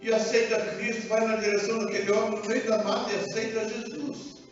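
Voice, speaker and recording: A high-voiced male pastor with a Brazilian accent preaches with animation, acting out dialogue as he goes. He is recorded from a distance in a large, reverberant church hall. The sound is dull and muffled, with soft music underneath. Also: flat delivery, fairly quick. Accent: Brazilian Portuguese. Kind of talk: sermon. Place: church sanctuary.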